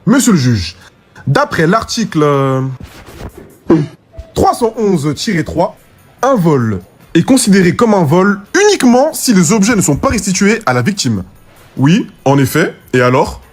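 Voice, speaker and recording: Theatrical man with a high lively voice. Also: unhurried, slightly rough, faint music behind. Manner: animated, theatrical. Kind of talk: comic POV sketch acting.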